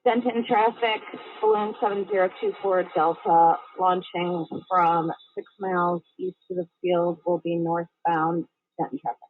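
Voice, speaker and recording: Over tinny, band-limited radio audio that sounds like a phone line, a woman acting as a balloon pilot makes clipped, procedural aviation calls. Her voice sits on the low side, with a steady tone and an unhurried pace, and the recording is dry.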